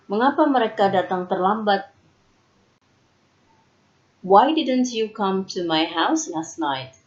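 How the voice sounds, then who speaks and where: Slow, careful woman teacher, lo-fi. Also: mid-range voice. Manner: slow, careful reading, each English sentence followed by its Indonesian translation. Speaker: English teacher. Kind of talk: reading example sentences slowly. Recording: dull lo-fi recording.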